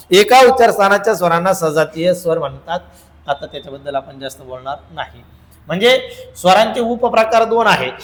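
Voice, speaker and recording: A male teacher leads an exam-prep grammar lesson, drilling answers and repeating lists in a chant-like rhythm. His voice sits high, and the recording is rough and reverberant.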